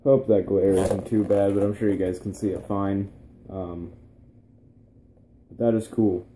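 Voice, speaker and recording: A teenage man chatting casually through an unboxing vlog in his bedroom, relaxed and rambling with plenty of ums. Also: fairly low pitch, unhurried, background noise. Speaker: vlogger. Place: small bedroom, indoors.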